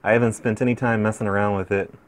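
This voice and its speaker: A man's voice: lowish voice, little pitch movement, fast. A man chatting casually as he opens fan mail, rambling and easily amused, with many restarts. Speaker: vlogger opening fan mail. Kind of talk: casual unboxing chat.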